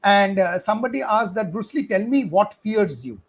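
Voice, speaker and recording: With lively intonation, a high pitch and a moderate pace, this middle-aged man speaks Indian English while teaching physics on a live stream. He answers students chattily and encouragingly, dispensing fatherly advice among many laughs and fillers.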